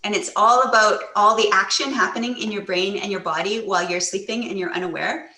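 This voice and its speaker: A woman in her forties, a children's author, telling stories and answering questions with lively acted-out quotes. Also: mid-range voice, a little fast. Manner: animated storytelling, acts out quoted voices. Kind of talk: book presentation and Q&A. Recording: echoey room, a little off-mic.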